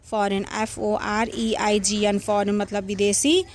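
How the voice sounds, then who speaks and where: A woman's voice: mid-range voice, little pitch movement, measured pace, slight background noise. A woman with an Indian accent, a Hindi speaker, teaching as an English tutor who spells each word letter by letter and then gives its meaning. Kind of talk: classroom lesson in word meanings.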